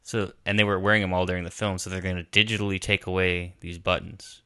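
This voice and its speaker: Low, bright-toned man in casual chat. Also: flat delivery, clean tone, dry recording, studio quality. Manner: agreeable, quick backchannels, trails off.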